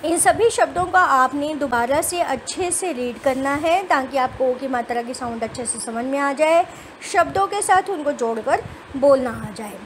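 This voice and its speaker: A woman's voice: sits high, normal speed, a little hiss or hum. A woman teaching children a phonics lesson, sounding out each word letter by letter and explaining meanings with everyday examples. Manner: sounds out words letter by letter, then says them whole. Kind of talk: slow spelled-out phonics lesson.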